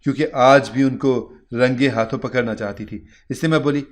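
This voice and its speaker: A man's voice: medium pitch, steady tone. Man narrating a moral story. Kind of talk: scripted first-person story narration.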